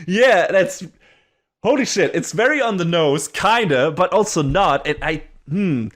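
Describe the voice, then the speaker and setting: A man's voice: high-pitched, lively intonation, a little slow, fairly bright tone. A man co-hosting a podcast, chatting casually in a rambling way, swearing and laughing often. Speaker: podcast co-host.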